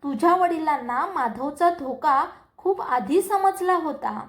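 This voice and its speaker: Woman reading as calm secretive man. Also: sits high, slow pace.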